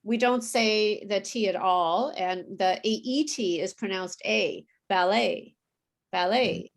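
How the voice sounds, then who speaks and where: A woman teaching English pronunciation in a live online class, explaining slowly and often checking in with "okay". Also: mid-range voice, creaky.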